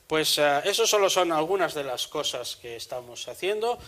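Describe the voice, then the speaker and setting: A man preaching a sermon in church, measured and earnest, also reading scripture aloud. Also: a little high, animated, a bit bright, low-quality recording.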